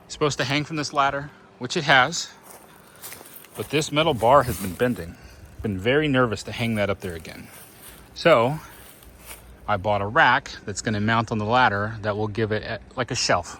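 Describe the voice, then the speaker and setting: A man with a mid-pitched voice chats informally, as if filming his own vlog. He thinks aloud and narrates chores as he goes. Faint ambient noise sits behind his voice. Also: moderate pace, pauses often, fairly bright tone. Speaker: RV living vlogger. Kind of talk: casual first-person vlog chat while doing chores.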